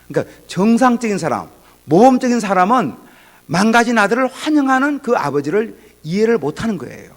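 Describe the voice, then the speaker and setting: A man preaching an afternoon sermon as a pastor, acting out the characters' lines with big swings between loud and quiet. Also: high-pitched. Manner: acts out the father and son in dialogue, swinging from loud to hushed.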